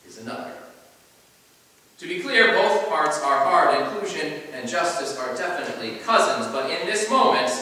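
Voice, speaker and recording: A man, a pastor, preaching a measured sermon that swells on key phrases and falls soft at the ends of lines. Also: on the high side. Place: large church sanctuary. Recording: echoey church from far off, faint hiss.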